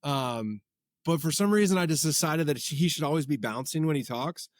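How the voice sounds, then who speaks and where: A man in his forties, a podcast guest, chatting casually and telling rambling, animated stories. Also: fairly high pitch, normal speed, no echo, studio quality. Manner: rambling, animated storytelling with many filler words. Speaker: podcast guest, comedy content creator. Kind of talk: casual chat.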